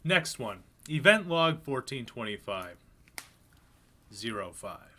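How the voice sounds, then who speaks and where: A man doing a live reading of horror fiction, narrating in a low-key, even voice with casual asides between pieces. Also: slow. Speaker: reader.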